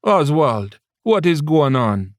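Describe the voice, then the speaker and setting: A man voicing an older mother with a Jamaican accent who speaks in a lilting, gently teasing way. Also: fairly high pitch, sing-song, slow pace, no echo, studio quality, voice pushed up. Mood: doting.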